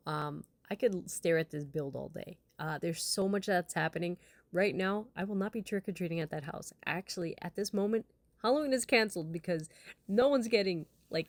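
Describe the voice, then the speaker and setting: A woman speaking as a contest judge, giving casual, encouraging critique with gentle suggestions mixed into the praise. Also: lowish voice, gravelly, no echo. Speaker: judge giving feedback on Lego builds.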